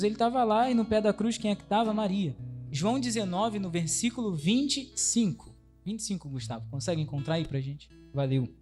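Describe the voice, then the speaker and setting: A man's voice: a little high, darkish tone. A man with a Brazilian Portuguese accent preaching a conversational sermon, often asking the congregation questions. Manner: chatty, asks the congregation questions, many tag questions.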